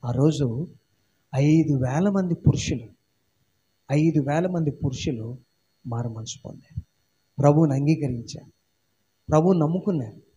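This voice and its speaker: Male Andhra Telugu pastor, high-pitched, emphatic sermon delivery. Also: moderate pace, pauses often, dark tone, breathy edge, lo-fi sound. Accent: Telugu-speaking Andhra region. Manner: emphatic preaching with repeated phrases and rhetorical questions. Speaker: senior pastor.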